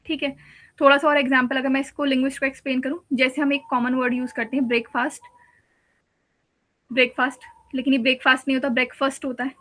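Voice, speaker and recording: Bright, high-voiced woman teaching. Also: level tone, racing. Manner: patient, explains step by step with repeated examples. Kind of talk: exam-prep lecture mixing Hindi and English.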